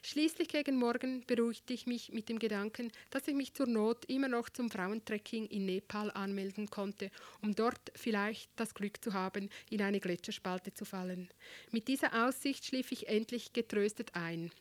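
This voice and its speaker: A woman reading a first-person story aloud in a wry, expressive storytelling manner, recorded on a close mic. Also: mid-range voice, moderate pace, no echo. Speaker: audiobook narrator.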